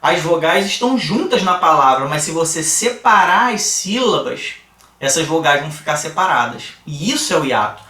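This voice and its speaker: Brazilian teacher, bright voice in an echoey room. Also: male voice, a little high, sing-song, distant mic. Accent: Brazilian Portuguese. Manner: explains slowly, asks the class rhetorical questions. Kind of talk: recorded grammar lesson. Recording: echoey room, voice a bit off-mic.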